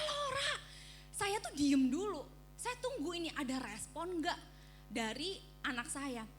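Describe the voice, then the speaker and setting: A woman preaches at a church service, her voice high and bright. She tells her story in an animated way and acts out the screams in it. Faint music plays underneath. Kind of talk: sermon with personal story.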